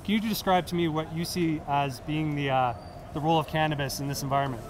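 A man in his thirties interviewing a guest outdoors on a busy street, asking friendly questions and adding quick backchannels. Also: on the high side, steady tone, noisy background.

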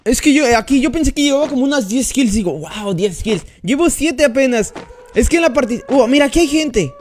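Very high-voiced man streaming a game. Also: animated, brisk, darkish tone, slight background noise. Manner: chatty, thanks and greets each viewer by name. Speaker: gaming streamer. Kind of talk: live gameplay commentary.

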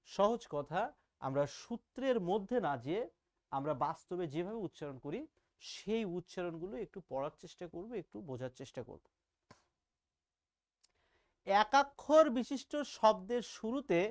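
A man teaches grammar to students online, keeping it chatty and teasing. He throws rhetorical questions at the class and stretches out each example word slowly so it can be heard clearly. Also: high-pitched, darkish tone. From Bangladesh. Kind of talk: casual online grammar lesson.

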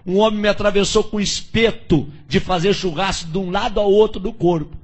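Husky high-voiced Brazilian pastor preaching. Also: male voice, fairly even intonation, fairly quick. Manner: dramatic, swings from hushed to shouting. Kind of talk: sermon storytelling.

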